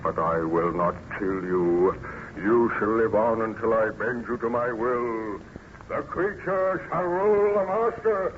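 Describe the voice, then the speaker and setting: A man's voice: lowish voice, unhurried, close to an everyday voice. A man playing a lonely, bitter, menacing monster in an old-time radio horror drama, with solemn, declamatory delivery. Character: lonely, bitter, menacing male monster who learned to speak. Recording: muffled, noisy vintage radio recording.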